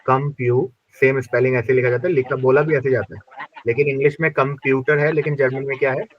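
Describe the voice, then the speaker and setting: A man teaching a language class, drilling pronunciation slowly and repeating each word many times. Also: mid-range voice, little pitch movement, highs cut off. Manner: slow repetitive drilling of pronunciation. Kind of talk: classroom lesson.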